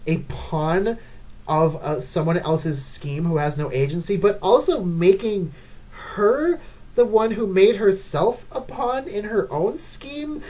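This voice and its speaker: A woman's voice: mid-range voice, expressive, slow, dark tone. A woman giving unscripted, ranting commentary as she ranks game characters, exasperated and full of "like" fillers. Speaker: video creator ranking game characters.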